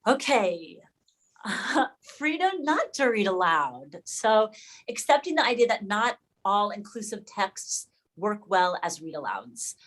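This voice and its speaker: A woman leads a casual online discussion with other educators over video call, her mid-range voice very animated, fairly bright, and slow. She works through her ideas out loud, frequently correcting herself.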